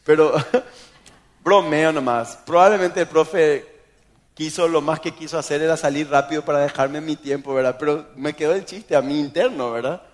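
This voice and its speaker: A man with an Argentine accent preaching a sermon in church, telling stories in a lively way and acting out the people in them. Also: on the high side, moderate pace. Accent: Argentine Spanish. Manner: animated storytelling, acts out quoted voices. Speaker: pastor. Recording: long hall reverb.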